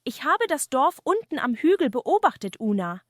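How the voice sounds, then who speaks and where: A woman's voice: sits high, sing-song, moderate pace, fairly bright tone, dry recording, studio quality. A woman voicing a tiny, proud, kindly male leprechaun shoemaker with an earnest, courteous manner in a fireside story.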